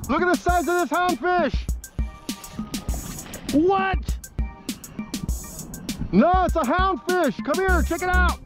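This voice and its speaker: A young man giving excited running commentary while fishing from a kayak outdoors, recorded on an action camera. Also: very high voice, slow, long pauses. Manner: excitable, exclaiming, talks to viewers. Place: kayak on open shallow water outdoors. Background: music.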